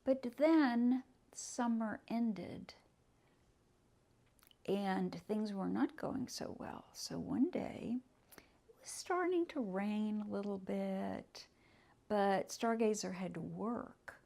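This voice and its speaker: A woman's voice: medium pitch, gravelly. A woman telling a story aloud to children, stretching words for emphasis and asking them questions. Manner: animated, drawn-out emphasis, asks the children questions.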